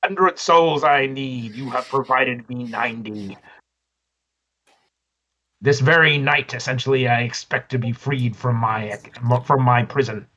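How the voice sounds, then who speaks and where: Tabletop demon, ancient and imperious, slow sepulchral delivery, put on by a man; crisp bright tone. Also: highs cut off. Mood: menacing. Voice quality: sepulchral, booming slow commands. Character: ancient imperious male blue-eyed demon.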